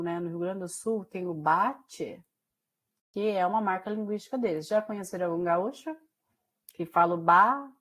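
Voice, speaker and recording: A woman from Mato Grosso do Sul teaches a class in a chatty, conversational way. Her Brazilian Portuguese carries a São Paulo caipira tinge. She fills her talk with small fillers and keeps putting questions to her students. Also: on the low side. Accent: Brazilian Portuguese with São Paulo caipira influence. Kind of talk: online class lecture.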